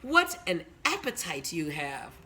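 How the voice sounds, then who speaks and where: Storybook granny, elderly and doting, sing-song and bright; woman reader puts her on. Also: lowish voice, huge pitch swings, measured pace, slight background noise, full character voice. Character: loving elderly grandmother, doting and fretful.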